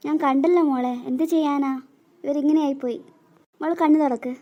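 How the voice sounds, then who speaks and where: A woman voicing a kind older sister in a cartoon, gentle and soothing toward her little sister. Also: high-pitched, fairly even intonation, fairly quick, highs cut off, lightly acted. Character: kind protective older sister, young girl.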